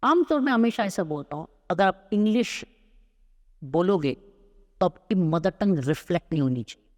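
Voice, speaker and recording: A man's voice: high-pitched, expressive, normal speed, long reverb tail. A man from Maharashtra, a spoken English coach, answering podcast questions in an emphatic, persuasive way. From Maharashtra, India. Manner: emphatic, mixes Hindi and English.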